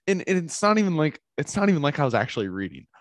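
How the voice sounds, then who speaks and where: A man, co-hosting a casual chat in a relaxed, rambling way, with "like" fillers and some mild swearing. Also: a little high, very fast, no room sound, studio quality. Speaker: podcast co-host.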